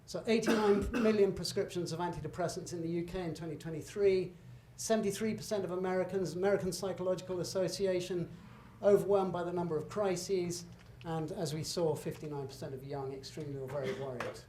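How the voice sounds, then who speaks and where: A man's voice: high-pitched, fairly even intonation, a little fast, hardly any pauses, dark tone. A middle-aged man giving a public lecture with slides, talking in a conversational, emphatic way with asides and self-corrections. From Britain. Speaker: guest lecturer. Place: lecture hall. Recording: echoey hall, faint room noise.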